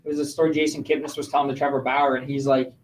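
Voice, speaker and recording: Fast-talking male podcast co-host, off-mic. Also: mid-range voice, level tone, far from the mic, rough recording. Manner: rambling storyteller, heavy use of 'he's like'. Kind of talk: casual sports podcast chat, telling a story. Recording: off-mic with faint background noise.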